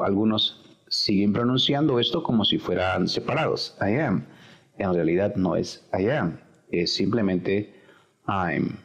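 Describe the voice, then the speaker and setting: Male english teacher, lowish voice, unhurried, echoey muffled recording. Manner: patient, step-by-step explaining. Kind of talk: explaining a workbook exercise. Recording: echoey, dull-sounding recording.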